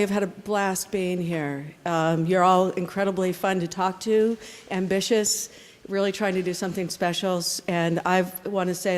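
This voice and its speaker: A woman's voice: on the low side, a little mellow. Chatty woman moderating in a hall. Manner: chatty and upbeat, with loose fillers. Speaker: panel moderator. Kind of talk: casual moderated discussion. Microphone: handheld microphone. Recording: long hall reverb, faint noise.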